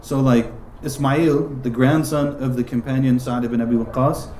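A man's voice: medium pitch, level tone, normal speed, darkish tone. A man teaching a religious lesson in a casual, conversational way, filling his talk with "like" and "right?" asides. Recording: roomy echoing room.

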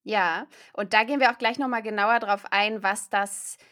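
A woman's voice: medium pitch, fairly even intonation, normal speed, sharp tone. A woman hosting a podcast interview, chatty and upbeat in a casual, talkative way. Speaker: podcast host.

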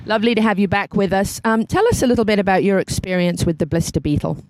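A woman's voice: medium pitch, lively intonation, quick pace, darkish tone, no echo, rough recording. A woman talk show host introducing a subject and interviewing a guest.

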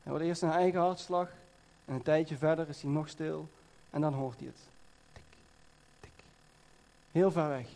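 Male preacher in a church, chatty storytelling sermon, lots of fillers, highish voice, mellow tone. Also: fairly even intonation, normal speed, gravelly, hardly any pauses. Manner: conversational storytelling with many fillers.

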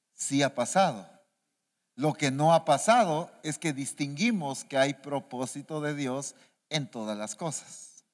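A man preaching a sermon as an apostle, animated and questioning the congregation again and again. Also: fairly high pitch. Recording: reverberant church hall.

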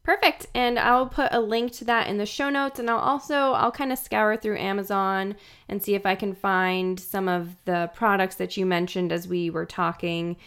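A woman hosting a podcast in a warm, chatty style, her voice groggy and froggy from a sore, swollen throat. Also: medium pitch, little pitch movement, normal speed. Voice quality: gravelly, froggy. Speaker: podcast host.

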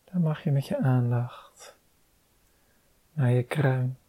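A meditation guide talks very slowly and calmly, leaving long pauses between soft instructions. The voice is warm and mellow. The sound is dry and close, with no room echo. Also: mid-range voice.

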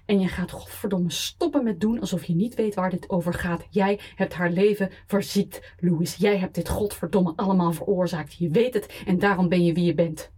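A woman's voice: lowish voice, fairly even intonation, moderate pace, few pauses, dark tone, slightly rough. A woman voicing a cold, contemptuous ex-wife who speaks in a controlled, iron voice. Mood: icy contempt. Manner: controlled, icy, cutting.

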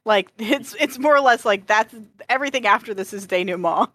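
A woman's voice: on the high side, a little fast, a bit bright, dry recording. A woman in casual chat, talking through a game's plot with a co-host in a rambling way, laughing often. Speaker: podcast co-host.

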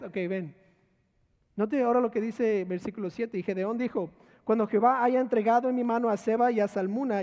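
A man's voice: sits high, dark tone. A man preaching a sermon as pastor, asking his listeners repeated rhetorical questions and repeating key words. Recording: echoey hall, dull lo-fi sound.

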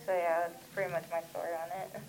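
A woman's voice: on the low side, little pitch movement, quick pace, darkish tone, a little hiss or hum, low-quality recording. A woman comic creator telling a personal story in a candid way on a convention panel.

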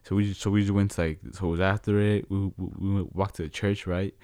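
A young man in a casual chat, telling stories in a fairly low voice. He rambles in slang and repeats words as he goes. The recording is dry and close. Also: little pitch movement, quick pace, darkish tone, dry recording. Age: young adult.

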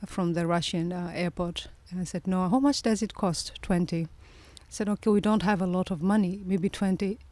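On an interview podcast, a guest who is a presidential candidate, a woman in her forties from Somalia, recounts her life thoughtfully, frequently starting sentences over and laughing gently. She speaks at normal speed on the low side, with hardly any pauses and no room sound.

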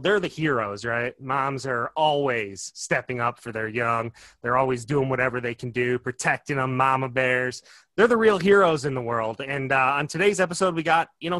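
Man, podcast host, bright tone, upbeat, chatty with fillers, dry close sound. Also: mid-range voice, no echo. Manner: upbeat, sing-song greeting, loose with fillers. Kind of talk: casual podcast chat.

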